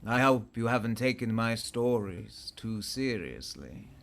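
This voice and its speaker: An actor playing a suave, courtly Transylvanian vampire count in a radio play, speaking with formal, ornate politeness. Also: male voice, lowish voice, expressive, measured pace, gravelly. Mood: smooth courtesy. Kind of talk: theatrical radio play acting.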